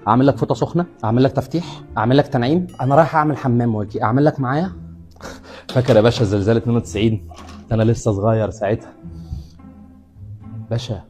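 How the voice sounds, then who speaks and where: A man's voice: medium pitch, darkish tone, faint music behind, close to an everyday voice. An actor playing a cheeky neighborhood barber who teases his customers nonstop, with an Egyptian Arabic accent, in a comedy sketch. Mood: teasing. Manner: teasing, bantering, rapid-fire jokes at customers. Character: cheeky joking neighborhood barber, adult man.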